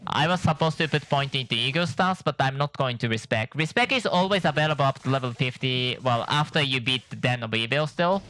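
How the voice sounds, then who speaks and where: Man, gameplay commentary, sleepy, rambling, self-correcting, bright tone. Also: mid-range voice, fairly quick, few pauses. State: tired from lack of sleep. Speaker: gameplay streamer.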